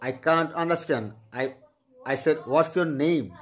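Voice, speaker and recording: A man, practicing English in a halting, flattering way on a video call. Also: fairly high pitch. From Bangladesh. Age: 20s. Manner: halting, repeats okay, flattering. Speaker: channel host practicing English. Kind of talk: casual chat.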